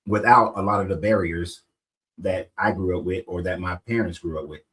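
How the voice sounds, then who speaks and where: A middle-aged man with a low voice lays out his point of view in a casual discussion. He explains step by step and checks in with rhetorical questions as he goes. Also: normal speed, a bit bright, poor audio.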